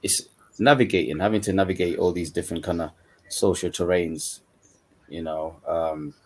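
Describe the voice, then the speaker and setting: A man's voice: low voice, fairly even intonation, normal speed, darkish tone, a little hiss or hum. A man raised in Uganda and the UK, a guest on an online panel, talking casually and often saying "you know". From Uganda, then UK. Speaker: coach and mentor, panel guest. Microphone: video call.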